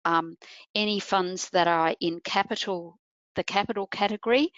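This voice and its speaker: A woman's voice: fairly low pitch, a bit bright, no echo. A woman presenting an informational webinar, explaining things step by step and speaking directly to her listeners. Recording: muffled online webinar audio.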